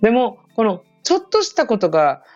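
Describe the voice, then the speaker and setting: A woman from Okinawa, hosting a podcast and telling a story in a chatty, casual way that turns animated when she quotes others. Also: fairly high pitch, a little fast, no echo. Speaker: podcast host. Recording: slightly dull podcast audio with faint music.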